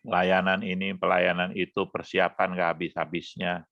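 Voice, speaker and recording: A hoarse male pastor teaching an online session, coaxing answers from participants with questions. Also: deep voice, monotone, normal speed, no echo, muffled recording. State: hoarse throat. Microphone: online meeting mic.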